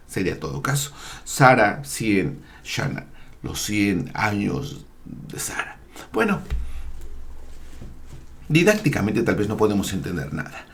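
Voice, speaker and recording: A man teaching a slow, deliberate lesson on Torah, spelling out Hebrew words and letters with frequent hesitations. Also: lowish voice. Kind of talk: slow explanatory Bible lesson.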